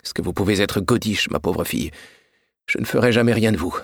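A man's voice: fairly low pitch, brisk, vocal fry, no echo, studio quality. A man reading a storybook, voicing an imperious wealthy widow who scolds her young maid. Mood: scornful. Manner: scolding, sharp and condescending. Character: haughty wealthy woman in mourning, imperious.

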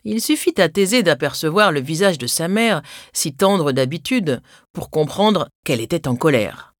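Expressive woman reading a children's story. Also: sits low, moderate pace, no room sound, studio quality. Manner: expressive, rises on dramatic words. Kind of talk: scripted storybook narration for children.

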